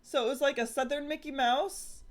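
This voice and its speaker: A woman's voice: high-pitched, steady tone, moderate pace. A woman hosting and playing in a tabletop game, chatty and rambling, laughing often. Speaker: host and player. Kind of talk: casual chat in a tabletop game stream.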